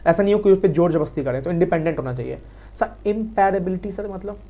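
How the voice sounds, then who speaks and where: A man with an Indian accent giving a quick exam revision lecture on law, talking fast and repeating key points to his students. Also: sits high, animated, mellow. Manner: quick, repetitive, addresses students as sir. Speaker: law teacher.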